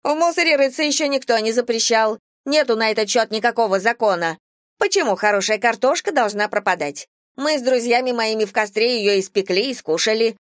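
A woman's voice: fairly high pitch, brisk, no room sound, clean studio sound, voice pushed up, close to an everyday voice. A woman voicing a whining, cunning middle-aged homeless woman in an audiobook, wheedling and sly. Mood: defiant. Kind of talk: audiobook character voice.

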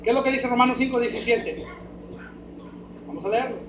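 Mexican pastor preaching in an echoey hall. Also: male voice, very high-pitched, brisk. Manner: swings from hushed to loud, emphatic preaching. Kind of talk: sermon. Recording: roomy hall echo, faint background noise.

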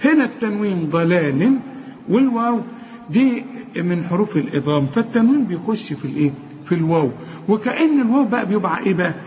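A man's voice: high voice, very animated, fast, big-room sound, lo-fi sound, slight background noise. An Egyptian man teaching Quran recitation, correcting mistakes and chanting each example. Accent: Egyptian Arabic. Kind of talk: tajweed lesson.

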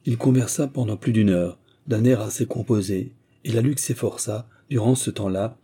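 A man narrating a classic novel as an audiobook, reading in a measured, steady way. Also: fairly low pitch, breathy edge.

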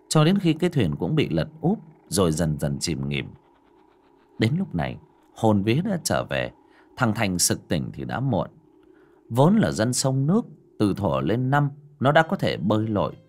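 Low-voiced guy reading a spooky story, super animated pitch, faint music under it. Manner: expressive, swinging between loud and hushed. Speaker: audiobook narrator. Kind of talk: dramatic story narration.

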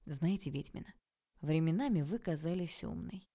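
A woman's voice: deep voice, animated, moderate pace, mellow. Woman playing a stern, irritated male lecturer. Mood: cold irritation. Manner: cold, clipped, scolding.

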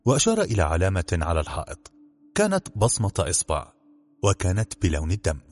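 Deep, husky man narrating a story. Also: wildly swooping pitch, fast talker, darkish tone. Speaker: audiobook narrator.

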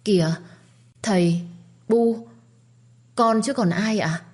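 A woman's voice: mid-range voice, slow pace, a little mellow, breathy edge, voice pushed up. A woman voicing a tearful young daughter. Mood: bashful.

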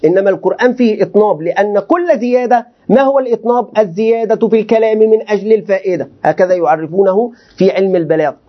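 A man's voice: high-pitched, racing, muffled recording. A man, a sheikh, lecturing students on Quranic commentary and asking them rhetorical questions. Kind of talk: classroom lecture.

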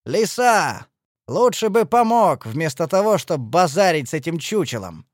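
A man's voice: fairly high pitch, huge pitch swings, slow, dry recording, studio quality, exaggerated voice. A man voicing a mock-polite, threatening vigilante leader in a storybook reading. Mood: menacing. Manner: loud, sneering, threatening.

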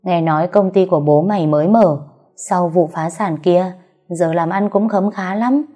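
A woman's voice: lowish voice, moderate pace, dark tone, lightly acted. A woman voicing a smug, scheming young woman who taunts her rival in a sly, mocking tone, read from a story.

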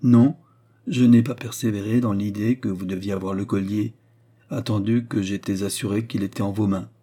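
A man's voice: fairly low pitch, fairly even intonation, normal speed, warm tone, close to an everyday voice. A man voicing a courtly cardinal in an audiobook reading, speaking in an earnest, pleading, courteous way.

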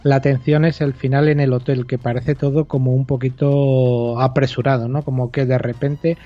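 Man, mellow dark tone, explanatory podcast chat, repeats words while thinking, dry dull recording. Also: medium pitch, little pitch movement, normal speed. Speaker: podcast co-host discussing film. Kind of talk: casual film podcast chat.

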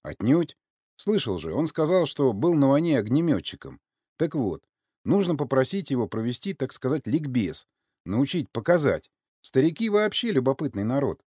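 A man's voice: mid-range voice, big pitch swings, moderate pace, a little mellow, breathy edge, dry recording, clean studio sound, pitched above the performer's own voice. A man reading an audiobook, voicing a mocking, unpredictable man who snaps out harsh orders. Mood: scheming. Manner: sarcastic, barking orders. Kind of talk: audiobook character voice.

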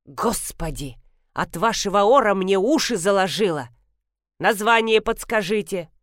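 A woman's voice: medium pitch, animated, a little slow, no echo, studio quality, lightly acted. A woman doing a grumpy half-deaf old pharmacist lady. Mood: scolding. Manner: scolding, loud and demanding.

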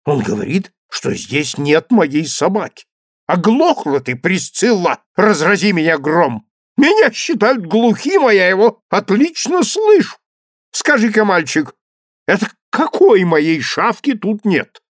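In a dry, studio-quality recording, a man puts on a full character voice pitched above his own, high with big pitch swings and a slightly slow pace. He plays a blustering, domineering old duke who wheezes, puffs, and bellows.

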